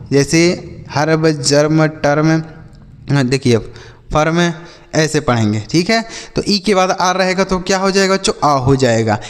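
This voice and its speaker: A man teaching English phonics to children, patiently repeating each sound and quizzing his pupils. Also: on the high side. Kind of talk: classroom-style phonics lesson. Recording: long reverb, hall-like echo.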